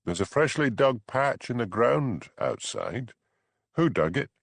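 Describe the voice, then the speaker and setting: A man as a quiet Highland policeman. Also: vocal fry, breathy edge, no room sound, exaggerated voice. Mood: firm. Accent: Scottish Highland. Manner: quiet, flat, measured.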